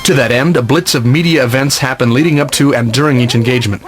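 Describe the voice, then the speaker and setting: Polished male promo narrator over loud music. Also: medium pitch, quick pace. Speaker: ringmaster presenting own career reel.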